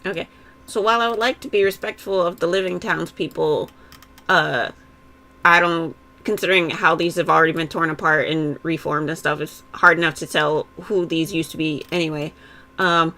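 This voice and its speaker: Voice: medium pitch, gravelly, bright, forceful tone. A player in a tabletop game, talking casually and laid-back about what their character does.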